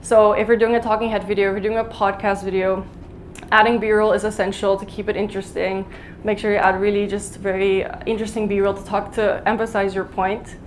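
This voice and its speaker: A woman giving a live conference talk, speaking fast and chatty with lots of "like" and "um" fillers. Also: mid-range voice, flat delivery, a little hiss or hum. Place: conference hall in Mumbai.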